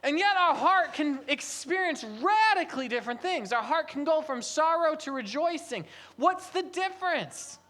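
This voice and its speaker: A pastor preaching a sermon at a church service, repeating phrases and asking rhetorical questions, moving between a soft low register and raised, emphatic stretches. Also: expressive, normal speed, few pauses.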